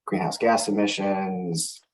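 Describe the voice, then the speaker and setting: A man introducing the speakers at an online meeting, measured and searching for words. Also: deep voice, fairly even intonation, far from the mic, a little hiss or hum, rough recording. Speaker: work group member introducing speakers. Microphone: video call.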